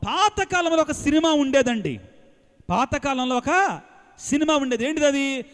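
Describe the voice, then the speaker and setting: High-voiced preaching priest with hall reverb. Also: male voice, moderate pace. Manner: lively call-and-response preaching, mixing English phrases. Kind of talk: sermon to a large congregation. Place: large outdoor gathering.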